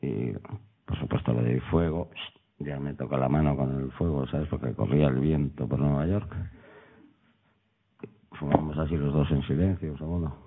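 A man from Madrid tells a long, digressive anecdote as a radio guest, full of wry humor and animated asides. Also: extremely low pitch, normal speed, pauses often, slightly rough. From Madrid, Spain. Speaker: guest writer. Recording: tinny phone-like line.

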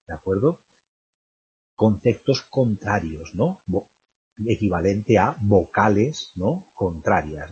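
A man's voice: on the low side, dark tone, slightly rough. A man teaching a poetry lesson, thinking aloud and checking in with the listener after nearly every phrase. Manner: constant tag questions, thinking aloud. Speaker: literature teacher. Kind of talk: recorded lecture analyzing a poem. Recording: dull dry lo-fi recording.

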